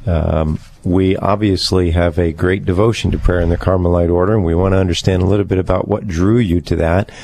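A man hosting a radio interview in a studio, talking in a measured way with many fillers. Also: deep voice, steady tone, vocal fry, warm tone. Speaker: radio show host.

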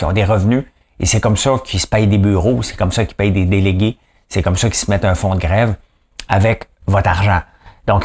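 A man's voice: low-pitched, gravelly, a little mellow. A man with a Québécois French accent hosting a podcast, giving opinionated news commentary full of rhetorical questions and acted-out quotes. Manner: rhetorical questions, folksy and emphatic; acts out quoted voices mid-rant. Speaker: podcast host.

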